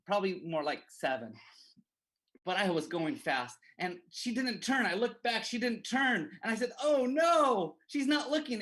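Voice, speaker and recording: A man giving a devotional as an animated story, full of self-mocking humor, on a livestream. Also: a little high. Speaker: devotional speaker.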